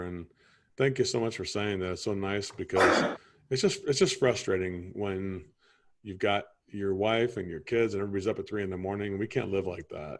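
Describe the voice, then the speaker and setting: Guy playing a chatty customer in a training roleplay, lowish voice, rambles on. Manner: rambling, keeps asking "you see what I'm saying". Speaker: homeowner customer in a sales role-play. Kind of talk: improvised training role-play.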